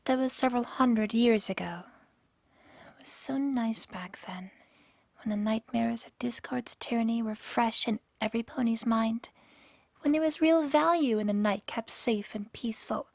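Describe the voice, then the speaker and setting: Pony princess of the night, played by a woman, for audio drama: regal, lonely, wounded, on the higher side, recorded dry. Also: normal speed, vocal fry, dry recording. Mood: hurt, wistful. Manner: formal, regal, sorrowful diction. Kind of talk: fan-made radio drama acting.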